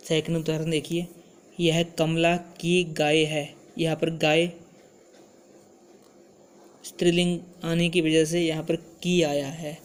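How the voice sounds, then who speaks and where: Guy teaching grammar slow and steady, kinda high voice, flat delivery. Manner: slow, repeats examples. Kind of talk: Hindi grammar lesson.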